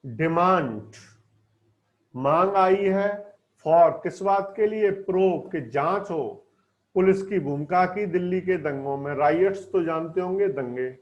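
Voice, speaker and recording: A man's voice: sits high, slow pace. A man teaching English vocabulary from a newspaper, explaining each word and quizzing his students with questions. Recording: dull lo-fi sound.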